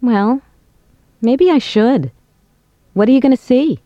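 A woman playing a young woman who talks about bills and plans with a friend, in a scripted language-course dialogue, speaking clearly and carefully. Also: on the high side, lively intonation, takes it slowly, mellow, dry recording, lo-fi sound. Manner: clear, careful everyday speech.

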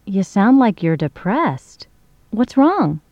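A woman playing a young friend who invites someone to a movie, in a scripted language-course dialogue, speaking clearly in a friendly way. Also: mid-range voice, big pitch swings, slow pace, a little mellow, dry recording, dull audio.

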